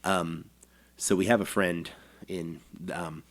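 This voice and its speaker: A man in his forties with a fairly low voice, co-hosting a podcast. He tells an anecdote in casual chat, lively and quick to laugh. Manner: animated anecdote telling with acted quotes and laughs. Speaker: podcast co-host.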